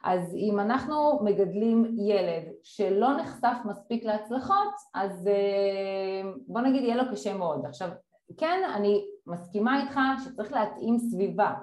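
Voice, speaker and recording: A woman speaking as a guest expert in a conversation, explaining things in a measured way with frequent fillers. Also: mid-range voice, animated, a little mellow. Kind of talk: casual conversation. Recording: roomy echo.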